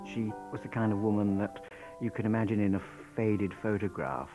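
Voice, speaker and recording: A man's voice: on the low side, fairly even intonation, moderate pace, highs cut off, music in the background. A man giving thoughtful, slightly hesitant commentary in a documentary interview.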